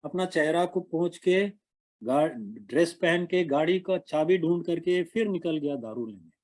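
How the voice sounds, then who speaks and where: Earnest, halting man with mellow voice. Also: on the high side, animated. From India. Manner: halting, earnest, many fillers and restarts. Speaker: recovering alcoholic sharing at a meeting. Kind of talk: personal testimony at an online support meeting. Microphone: online call microphone.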